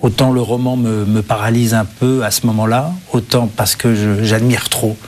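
A man from France, a guest author in a television interview, who speaks haltingly with many restarts and fillers. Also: fairly low pitch, flat delivery, a little mellow.

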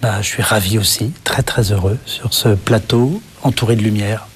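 A man from France, a guest author in a television interview, who speaks haltingly with many restarts and fillers. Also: fairly low pitch, slight background noise.

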